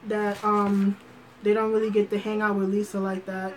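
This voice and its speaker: A woman holds a casual livestream chat at a mid pitch, talking loosely and thinking aloud as she goes. Her speech is slangy and profane, with lots of fillers and restarted sentences. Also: little pitch movement, normal speed, rough recording. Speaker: livestream host.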